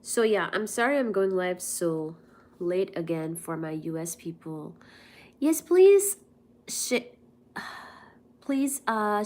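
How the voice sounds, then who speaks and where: A young woman hosts a relaxed livestream and chats easily with her viewers. Her voice sits a little low, and she takes her time, drawing her words out as she answers their messages. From India. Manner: chatty, greets viewers and answers chat messages. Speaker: livestream host. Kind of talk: casual livestream chat.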